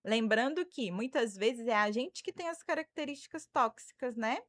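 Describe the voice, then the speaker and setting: A woman's voice: on the high side, lively intonation, normal speed, no room sound. A woman in her thirties from Brazil, a psychologist hosting a live stream, giving advice and thanking viewers by name. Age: 30s. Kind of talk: live stream talk answering viewer comments.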